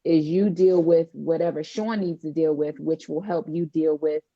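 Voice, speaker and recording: A woman therapist explains things step by step in a calm, measured way. Her voice sits low and mellow. The recording is slightly dull and lo-fi. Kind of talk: advice in podcast conversation. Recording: dull lo-fi sound.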